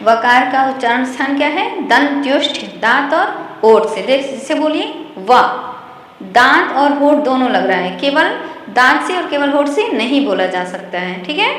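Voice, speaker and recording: A woman gives a slow online grammar lesson, repeating each point and stopping to check that her students follow. Her voice sits high and comes from some distance off the mic. A long, hollow room echo rings around her words over a faint background hiss. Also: sing-song, a bit bright. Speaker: Sanskrit teacher. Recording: echoey room, voice from far off.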